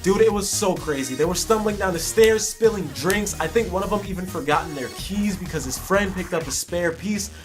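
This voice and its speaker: A man's voice: high-pitched, brisk, hardly any pauses. A young adult man telling a personal story as a vlogger, in a casual, slangy, emphatic way with plenty of repetition. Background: faint music.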